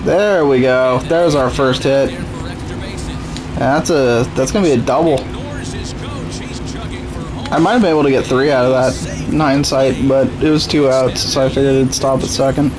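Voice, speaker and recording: A young gaming YouTuber, his throat sore and strained, laid-back and self-deprecating, casually comments on his own baseball game with long pauses. His mid-range voice moves at normal speed and sounds strained and rough. It's captured in a noisy home recording.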